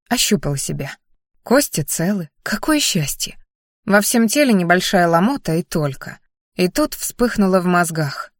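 A woman reading a first-person novel aloud as narrator, with a lively, ironic inner voice. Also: lowish voice, no echo, studio quality. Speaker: audiobook narrator.

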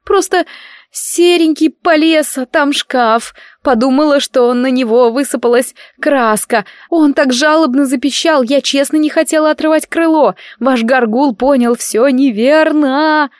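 A woman's voice: dry recording, clean studio sound, close to an everyday voice. A woman voicing a tearful, defensive young woman who sobs through her words in an audiobook. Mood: sobbing. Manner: high, drawn-out pleading. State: sobbing. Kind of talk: audiobook character voice.

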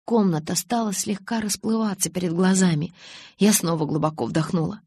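A woman narrating an audiobook in the first person, with a lively, expressive way of reading the dialogue. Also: fairly low pitch, normal speed, slightly rough, dry recording.

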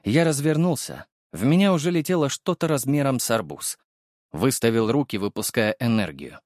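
A man narrating a first-person audiobook, storytelling lively and voicing the characters. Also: medium pitch, normal speed, no echo, clean studio sound.

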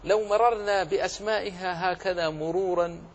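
A middle-aged man teaching Quran recitation rules, drawing out words slowly to demonstrate the sounds. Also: high voice, steady tone, muffled recording, slight background noise. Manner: slow drawn-out demonstrations of vowel sounds. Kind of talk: tajweed lesson with recited examples.

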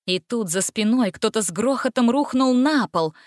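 A woman's voice: on the high side, lively intonation, normal speed, dry recording. Woman narrating a fairy tale, dry sound. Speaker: audiobook narrator. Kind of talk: storybook narration.

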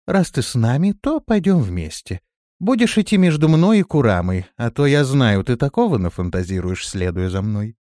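A man's voice: medium pitch, sing-song, moderate pace, no echo, studio quality, voice pushed up, natural voice. A man voicing a haughty, bossy young woman who snaps orders, in an audiobook. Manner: commanding, sharp.

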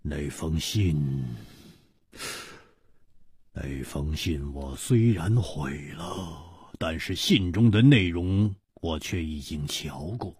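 A man voicing a conflicted young martial artist in a storybook tale, speaking slowly and heavily, then bursting out. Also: mid-range voice, creaky, a little mellow, breathy edge, dry recording, studio quality, full character voice. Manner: slow, heavy and hesitant, then bursting out. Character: grave young male martial artist, torn.

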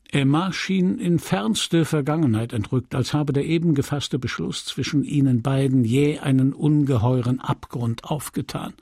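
A man reading a classic novel aloud in measured, deliberate scripted narration. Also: a little high, gravelly, mellow, husky, no echo, clean studio sound. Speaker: audiobook reader.

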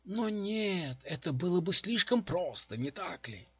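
A man voicing a touchy, sarcastic magic ring that speaks as a female, in a husky voice on a dull home recording. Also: medium pitch, animated, extremely slow, no room sound, pitched above the performer's own voice, exaggerated voice. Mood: bitter.

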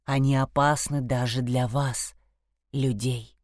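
Storybook role: a woman reading a low, solemn old-forest stag, unhurried. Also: steady tone, a little mellow, dry recording, clean studio sound, heavily acted. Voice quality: low, slow, grave.

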